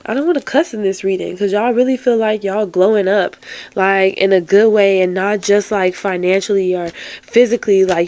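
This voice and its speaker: A woman's voice: mid-range voice, a little mellow. A woman giving a casual, chatty tarot reading, emphatic and encouraging, full of fillers. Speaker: tarot card reader.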